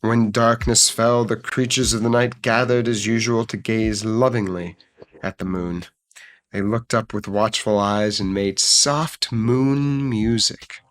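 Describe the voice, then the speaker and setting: A man reading a picture book aloud on a casual stream, relaxed and jokey, with swearing asides. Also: lowish voice, a little slow.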